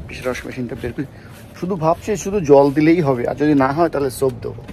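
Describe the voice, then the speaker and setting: A man talking casually outdoors behind a house, halting now and then with fillers. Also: mid-range voice, gravelly, noisy background. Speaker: vlogger's husband. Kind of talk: casual home vlog.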